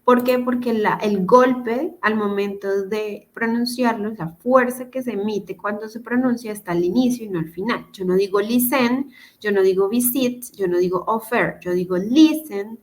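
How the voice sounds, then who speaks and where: Woman teacher, mid pitch, patient and methodical, online class explanation over video call. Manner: patient, step-by-step, asks "¿listo?" often. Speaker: English teacher.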